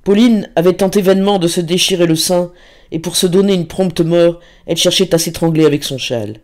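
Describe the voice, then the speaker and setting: Man reading a classic novel aloud, slightly high voice, measured and expressive. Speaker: audiobook narrator. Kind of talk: scripted narration of a classic novel.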